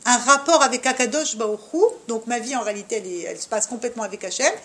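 Speaking rapid-fire in a fairly high voice, a woman teaches women a religious lesson full of energy. She talks straight to her audience and weaves Hebrew terms into what she says.

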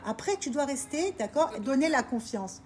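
A woman's voice: sits high, lively intonation, moderate pace, slight background noise. A woman teaching a group of women about faith, emphatic and repetitive, often asking her listeners if they understand. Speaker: religious teacher. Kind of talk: informal Torah talk to women.

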